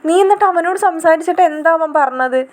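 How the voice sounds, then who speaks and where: A woman voicing an indignant older sister who scolds her younger sibling in a sharp, reproachful manner. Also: very high voice, fast, voice pushed up. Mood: scolding.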